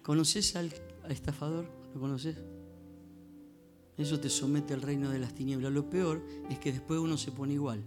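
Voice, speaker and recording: A male pastor, preaching a sermon in a church with animated storytelling and questions to the congregation. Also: on the high side, normal speed, music in the background. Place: church sanctuary.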